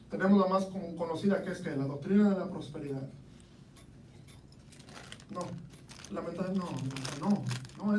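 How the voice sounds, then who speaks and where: A man's voice: fairly high pitch, a little mellow, slight background noise. A man with a Mexican accent preaching a sermon in a conversational way, often asking the congregation rhetorical questions. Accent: Mexican Spanish. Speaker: lay preacher. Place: church hall. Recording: roomy hall from a distance.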